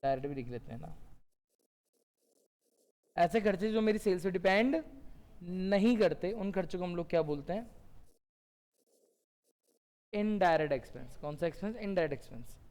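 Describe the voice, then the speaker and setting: A man teaching a classroom lecture, asking questions and answering them himself, slowing down on key definitions. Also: sits high, lively intonation, darkish tone. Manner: drawn-out, slow phrasing on key definitions. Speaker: accountancy teacher.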